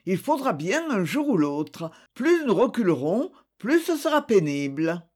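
Meek middle-aged dad, coaxing, a bit grumbly, slow, voiced by a narrator. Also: mid-range voice, sing-song, darkish tone.

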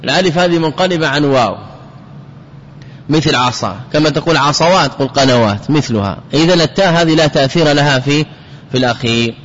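A man teaching grammar in a fairly high voice, drawing out and repeating example words, then posing questions and answering them himself. The recording sounds muffled, with a long reverb trailing off each phrase. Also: lively intonation, a bit bright. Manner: explains slowly, repeating example words and asking rhetorical questions. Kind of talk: classical grammar lesson. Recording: dull audio with long hall reverb.

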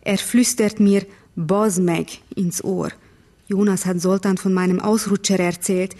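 Mellow, wry young woman narrator. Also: medium pitch, fairly even intonation, measured pace. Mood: wry, restrained. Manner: wry, clipped inner monologue. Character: young Hungarian woman, wry call centre worker narrating her life. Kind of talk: scripted first-person radio drama narration.

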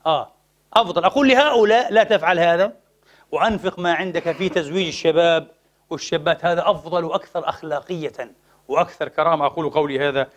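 Male preacher, high voice, fast delivery, impassioned sermon, rhetorical questions. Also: highs cut off. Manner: impassioned, rhetorical questions, rising to emphatic peaks. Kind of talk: Friday sermon.

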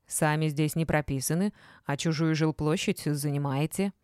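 A woman's voice: sits low, normal speed, darkish tone, no echo, clean studio sound, natural voice. A woman reading an audiobook, voicing a portly middle-aged man who acts as a stern, officious building warden. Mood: lecturing. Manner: officious, demanding. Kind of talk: audiobook character voice.

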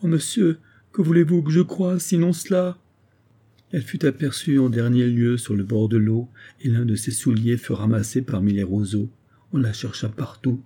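A soft-hearted carpenter's wife in an old-fashioned storybook, tearful and pleading, her voice rising whenever her grief breaks through, as a male narrator puts her on. The timbre stays husky and dark. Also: medium pitch, fairly even intonation, moderate pace, lightly acted. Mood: distressed. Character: tender, tearful carpenter's wife, middle-aged servant woman.

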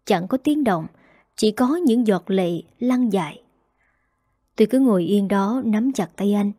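A woman reading a first-person story aloud in a measured, sorrowful way. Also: medium pitch, animated, mellow, breathy edge, no echo, studio quality. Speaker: story narrator. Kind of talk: scripted first-person narration.

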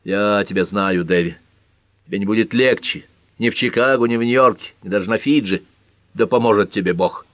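A man voicing a tall, grey-haired older father who speaks slowly and weighs each word, in a dry, close audiobook recording. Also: fairly low pitch, fairly bright tone, no room sound, natural voice. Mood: grave.

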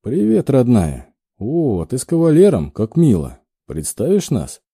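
A man's voice: medium pitch, wildly swooping pitch, unhurried, mellow, breathy edge, no echo, clean studio sound, full character voice. A man playing a smug young aristocrat in an audiobook, with a condescending drawl.

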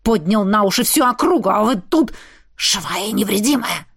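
A man's voice: sits high, expressive, normal speed, fairly bright tone, breathy edge, no echo, clean studio sound, heavily acted. A woman voicing a short-tempered duke in beast form who growls and breathes hard. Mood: angry.

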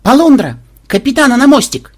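A man voicing a sharp-tongued young woman officer on a space cruiser, grumbling and quick to alarm. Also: mid-range voice, expressive, slightly rough.

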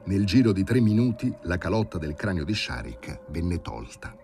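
A man reading a novel aloud in a measured, vivid storytelling manner. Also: low voice, sing-song, gravelly, warm tone, faint music behind. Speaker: audiobook reader. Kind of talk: dramatic literary reading.

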